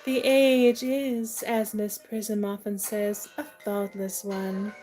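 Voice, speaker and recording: A woman's voice: medium pitch, little pitch movement, slow, a little mellow, soft background music, natural voice, rough recording. A woman playing a self-assured, whimsical young lady in a comic stage play, prim, chiding and matter-of-fact.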